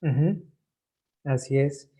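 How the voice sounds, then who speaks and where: A man's voice: medium pitch, slow pace, mellow, husky. A man leading an informal Bible study, reading passages aloud and explaining them in a conversational way with speech.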